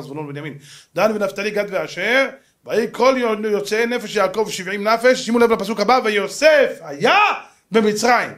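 A rabbi teaching a lively Torah class, his voice sitting high for a man. He tells the story dramatically, jumping between loud shouts and hushed asides as he acts out each character in casual street slang. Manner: slangy, colloquial street Hebrew. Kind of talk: animated Torah lesson.

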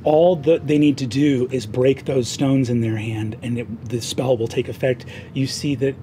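A man's voice: medium pitch, fairly even intonation, noisy background. A man running a tabletop game as game master, narrating scenes with frequent fillers. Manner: quick, hesitant with fillers.

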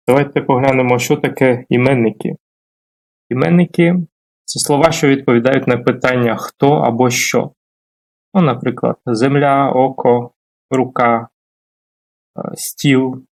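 Man, language teacher, formal and measured, lesson delivery, word pairs read slowly. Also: mid-range voice. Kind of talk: video lesson on grammar terms.

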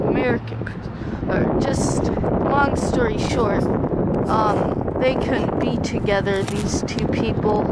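A medium-pitched vlogger exploring ruins narrates a casual, unscripted walk through woods by a river and bridge, speaking haltingly from behind a handheld camera. The camera mic's noisy audio picks up outdoor ambience and passing vehicles.

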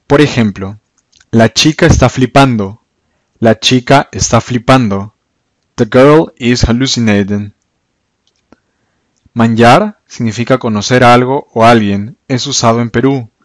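A man teaching slang as a language teacher, repeating each word slowly and clearly before translating it. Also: mid-range voice, dry recording. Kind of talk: slow, careful vocabulary lesson.

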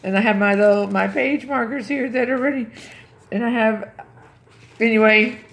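A woman hosting a devotional video, talking in a fervent, rambling, emphatic way with a groggy morning voice, from a dark room at home. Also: a little high, steady tone, normal speed, reverberant, poor audio. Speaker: Bible-reading video host. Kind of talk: casual devotional chat.

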